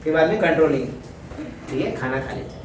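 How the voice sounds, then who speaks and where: Male teacher, chatty and joking, boomy echoing room, voice from a distance, faint hiss. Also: expressive, fast. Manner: chatty, joking, mixes Hindi and English. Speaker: physics teacher. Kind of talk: classroom lecture. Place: classroom. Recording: echoey classroom, mic far off.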